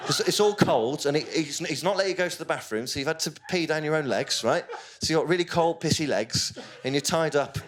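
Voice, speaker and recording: A man performing a stand-up comedy set, telling stories in a conversational way with quick asides to the audience. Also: a little high, expressive, a bit bright. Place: comedy venue with audience laughter.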